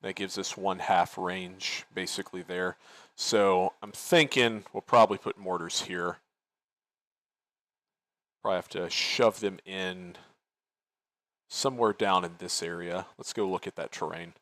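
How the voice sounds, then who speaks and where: A man's voice: low-pitched, fairly even intonation, measured pace, pauses often, fairly bright tone, dry recording. A man leading an online military game as commander, giving tactical briefings and talking through plans casually on a headset.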